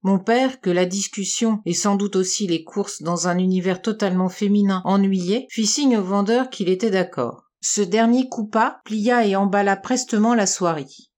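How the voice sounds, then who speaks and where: A woman narrating a first-person novel as an audiobook reader, in a measured storytelling manner. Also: medium pitch, darkish tone.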